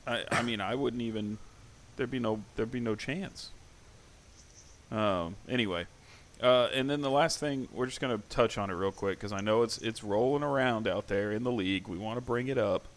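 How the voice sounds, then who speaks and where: A man's voice: on the low side, normal speed. A man hosting a casual fantasy football podcast, easygoing as he steers the talk to the next topic. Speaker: podcast host.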